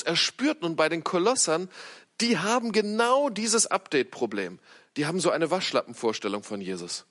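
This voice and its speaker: A man preaching a sermon to an audience, humorous and animated, telling stories with lively asides. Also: fairly high pitch. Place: lit stage before an audience.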